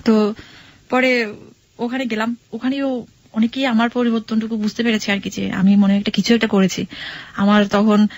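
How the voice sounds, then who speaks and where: A woman's voice: fairly high pitch, little pitch movement, normal speed, long pauses. A young woman calling in to tell her life story in casual chat, repeating phrases and acting out dialogue.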